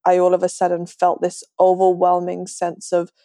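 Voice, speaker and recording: A woman in her twenties from London, England, speaks with a slightly Americanised London accent as a guest in a casual, conversational podcast interview. Her voice is lowish, warm and monotone, at normal speed. The studio sound is clean, with no echo.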